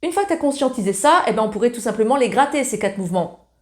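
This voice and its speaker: A woman's voice: fairly high pitch, animated, fast, soft background music. A woman giving a casual ukulele lesson, talking in a chatty, familiar way while strumming along. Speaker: ukulele teacher. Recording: loud ukulele playing along.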